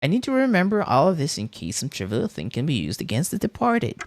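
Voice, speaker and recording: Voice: medium pitch, wildly swooping pitch, fairly quick, no echo. A game streamer reading on-screen text aloud theatrically, with casual muttered asides. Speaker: VTuber streamer.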